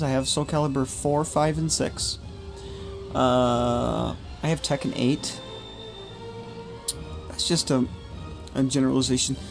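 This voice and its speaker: A man hosting a gaming video with casual, rambling, conversational commentary. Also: medium pitch. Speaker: gaming channel host.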